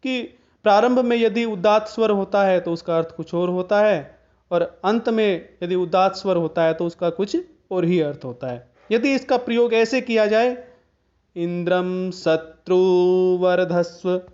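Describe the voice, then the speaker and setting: A man teaching Hindi grammar to students in a video lesson, explaining slowly and chanting Sanskrit examples. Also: sits high, a little mellow, highs cut off. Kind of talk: online Hindi grammar lecture.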